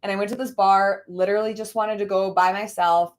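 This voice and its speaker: A young adult woman hosting a casual livestream chat with a friend, animated and laughing often, with lots of fillers. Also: mid-range voice, fairly quick. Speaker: livestream host.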